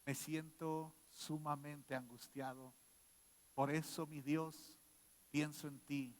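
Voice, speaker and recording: A man preaching a sermon as a pastor. He moves between quiet scripture reading and loud shouted exhortation. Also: fairly high pitch, level tone, slow, big-room sound.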